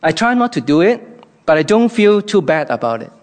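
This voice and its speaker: A man's voice: sits high, big pitch swings, normal speed. A man from Hong Kong with a Hong Kong accent, giving an earnest, reflective devotional talk.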